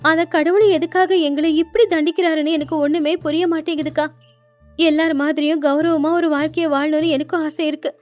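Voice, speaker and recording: A woman's voice: sits high, level tone, fairly quick, faint music behind, close to an everyday voice. A woman playing a caring young fisherman's wife. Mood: worried. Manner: gentle, pleading. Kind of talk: storybook narration with character voices.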